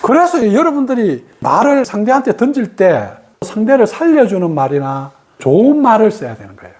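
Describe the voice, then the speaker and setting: A woman with a Gyeongsang accent teaching a meditation class, animated and acting out the speech of others in changed voices. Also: fairly high pitch, fairly quick. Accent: Gyeongsang Korean. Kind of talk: spoken meditation lesson.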